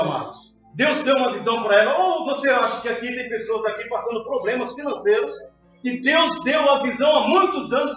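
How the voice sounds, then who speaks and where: A man's voice: extremely high pitch, pushed and bright. A man preaching a sermon as pastor, emphatic and repeatedly calling out to his congregation. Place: church hall. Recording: echoey hall, distant, dull sound, faint music.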